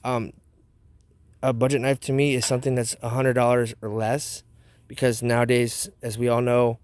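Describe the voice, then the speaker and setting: A man's voice: medium pitch, little pitch movement, moderate pace, a little mellow, clear, resonant tone, no echo. Man talking around a chewing tobacco dip. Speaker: knife review channel host. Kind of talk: casual product review vlog. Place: outdoors.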